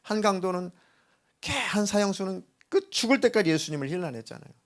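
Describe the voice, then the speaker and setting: A man's voice: high-pitched, very animated, a little fast. A male pastor preaching a sermon in an earnest, urging manner, now and then acting out quoted voices.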